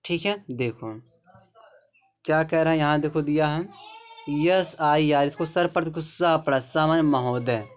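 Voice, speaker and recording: Slow explanations and repeated words mark this English pronunciation lesson from a man with a Hindi accent. His voice is a little high, and he keeps checking in with the person watching.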